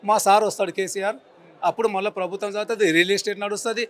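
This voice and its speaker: Speaking rapid-fire in a high voice with fairly even intonation, a man in his forties interviewed on the street vents angrily, hammering home the same insults. He's a member of the public with a Telangana Telugu accent.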